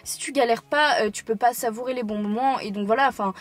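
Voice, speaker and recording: An eighteen-year-old French woman, a YouTuber, speaks quickly in a fairly high voice with mostly even intonation. Sitting in a parked car, she chats casually to the camera in a talking-head vlog, rambling with plenty of fillers and restarts.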